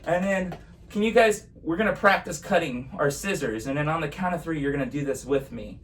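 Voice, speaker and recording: Guy doing kids party magician patter, kinda high voice, playful and chatty, bit of room noise. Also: brisk, fairly bright tone. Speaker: magician hosting a live magic show. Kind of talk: live kids' magic show patter. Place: at home in an apartment. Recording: distant mic, noisy room ambience.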